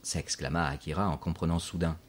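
A man narrating a storybook in a measured, scripted audiobook delivery. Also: low-pitched, fairly even intonation.

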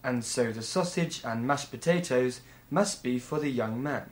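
A man putting on the voice of a polite restaurant waiter, higher than his own and measured. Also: lightly acted.

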